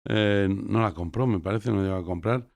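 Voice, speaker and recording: A man's voice: lowish voice, moderate pace, vocal fry, a little mellow. A man from Spain, a journalist and filmmaker, chatting as a guest in a playful, joking way and often repeating himself. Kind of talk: casual conversational interview.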